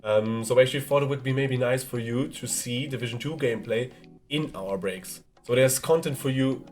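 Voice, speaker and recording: A man hosts a live esports broadcast in an easygoing, chatty way. His voice sits at an ordinary middle pitch, and he often pauses on "um" as he talks. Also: a little mellow, faint music behind. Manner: chatty, easygoing, frequent "um" fillers. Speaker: esports caster. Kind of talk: live stream commentary.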